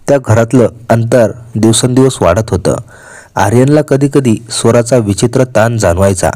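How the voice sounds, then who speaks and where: A man narrating a scripted crime story in a dramatic, measured way. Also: medium pitch, mellow.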